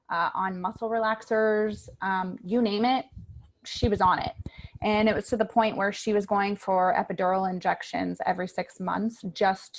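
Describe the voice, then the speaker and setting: A woman's voice: medium pitch, vocal fry. Earnest woman telling her testimonial. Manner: earnest, animated storytelling. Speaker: registered nurse giving a testimonial. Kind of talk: personal testimonial on a group call.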